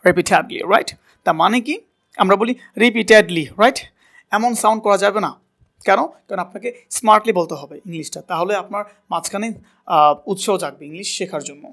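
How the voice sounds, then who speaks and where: A man's voice: sits high, fairly quick, fairly bright tone. Man coaching English pronunciation. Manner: coaching pronunciation, asks and repeats words. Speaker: spoken English teacher. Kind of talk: classroom lesson in Bengali with English words.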